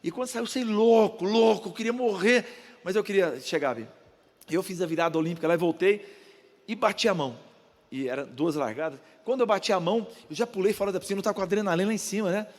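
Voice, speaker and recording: High-voiced older Brazilian pastor preaching. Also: male voice, expressive, fast talker, in a large hall. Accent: Brazilian Portuguese. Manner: storytelling, acts out the voices of others in his anecdotes. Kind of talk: sermon. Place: church.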